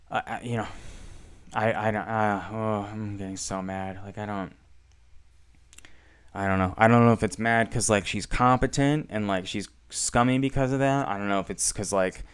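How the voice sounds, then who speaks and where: This young political commentator speaks in a mid-range, clean-toned voice, recorded at studio quality with no echo. Frustrated by a debate, he rambles haltingly, leaning on fillers and swearing occasionally.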